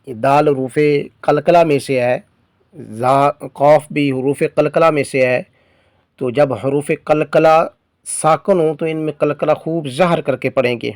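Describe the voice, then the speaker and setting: A man teaching Quran reading, patiently explaining rules and spelling out letters slowly. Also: a little high, steady tone, a little mellow, dry recording. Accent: Pakistani Urdu. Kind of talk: spelling-out lesson, slow drawn-out recitation of letters.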